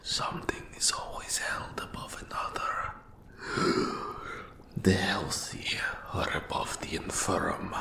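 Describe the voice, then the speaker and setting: A man performs as an eldritch, nameless old archive custodian, a formal, patient, melancholy mentor in forbidden magic, for a scripted audio drama. His low, breathy, gravelly whisper has fairly even intonation and slow, deliberate, formal, ominous phrasing, with a bitter, brooding mood. The exaggerated voice sits in a reverberant space.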